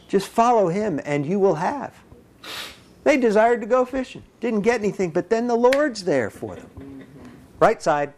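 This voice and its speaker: A man preaching a sermon, animated and folksy, acting out little voices and dialogue as he speaks. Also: high voice, moderate pace, a little hiss or hum. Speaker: pastor.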